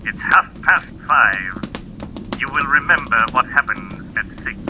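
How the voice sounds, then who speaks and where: An actor playing a menacing masked master criminal, formal and taunting, through a wall speaker in a 1940s radio serial. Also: male voice, mid-range voice, animated, a little slow. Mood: smug threat. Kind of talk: 1940s radio villain acting. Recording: noisy old radio transcription.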